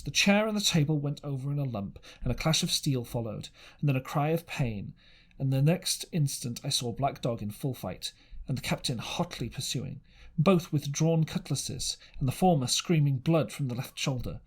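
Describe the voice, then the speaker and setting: Reading an adventure novel aloud in a husky, expressive mid-range voice, this amateur narrator moves haltingly through the text. He occasionally misreads a word and corrects himself.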